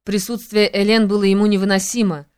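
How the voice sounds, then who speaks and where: A woman reading a classic novel as audiobook narration, in an even, measured way. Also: mid-range voice, clear, resonant tone. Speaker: audiobook reader.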